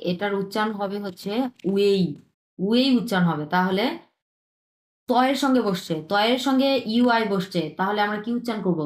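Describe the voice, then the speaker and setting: A woman teaching an online language lesson, who says each word slowly two or three times and checks in with short questions. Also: medium pitch, reverberant. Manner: repeats words slowly, checks in with "হ্যাঁ?".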